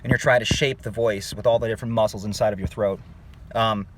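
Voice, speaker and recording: Talking quickly with a fairly low, fairly even voice, a man teaches singing in a casual online lesson over a little hiss or hum. He addresses viewers as "guys" and checks in with "okay?" throughout.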